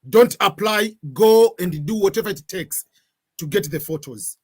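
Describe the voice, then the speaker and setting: In a relaxed live Q&A, a middle-aged man responds to viewers from a home room, apparently in front of a webcam, often pausing with "uh" and alternating English with Swahili. His voice is slightly raised in pitch, lively in intonation, a little mellow, and slightly rough.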